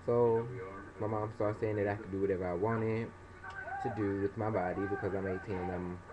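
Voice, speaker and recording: A young adult vlogger tells a story casually and fairly quickly, animated as he acts out other people's voices in a high pitch. Background noise is present, and the webcam audio is dull and lo-fi.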